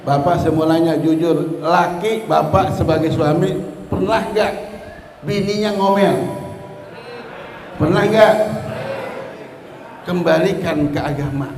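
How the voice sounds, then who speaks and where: A high-pitched man preaches in an unhurried way, joking with the crowd and now and then singing a verse. He sounds like he is in a mosque hall, with a long echo and faint room noise behind him. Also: a little mellow. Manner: jokey, banters with the audience, breaks into sung verses. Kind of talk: lively Maulid sermon to a mosque crowd. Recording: echoey hall, faint ambience.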